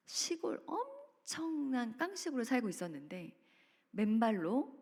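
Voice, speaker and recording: A woman speaks at a church family seminar and tells a story with great drama, acting out the voices of the people in it. Her voice is husky and moves widely up and down. It echoes through a large retreat hall. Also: darkish tone. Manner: dramatic, acts out quotes with sudden pitch leaps. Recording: reverberant hall.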